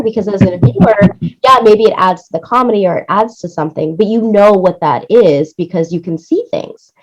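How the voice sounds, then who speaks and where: With a lowish, slightly mellow voice, a woman explains things in casual interview answers, regularly checking in with "right?" or "you know". She's a guest on the show, a music supervisor and producer. The audio is dull and lo-fi.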